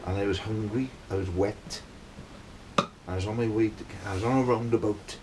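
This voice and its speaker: With a steady tone and fairly low pitch, a middle-aged Welsh band member speaks at normal speed while telling a long, casual, rambling personal tale. He checks in with "right?" as he goes, and there is background noise.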